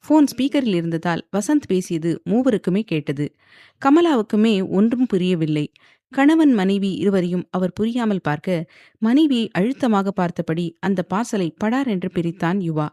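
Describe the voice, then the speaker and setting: A woman's voice: medium pitch, normal speed, no echo, studio quality. Woman narrating a dramatic audio novel. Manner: steady dramatic reading. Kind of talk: scripted storybook narration.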